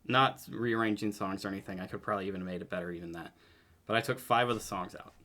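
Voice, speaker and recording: A man's voice: low voice, fast, pushed and bright. A man in his twenties, a podcast co-host, explaining his take at length in loose, rambling casual chat.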